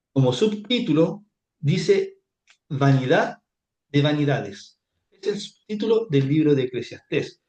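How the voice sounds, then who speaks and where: A man gives a classroom Bible lecture at a mid pitch. He repeats phrases and keeps checking that his students follow. The room around him is echoey. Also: a little mellow. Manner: repetitive, asks "¿cierto?" often. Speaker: Bible teacher.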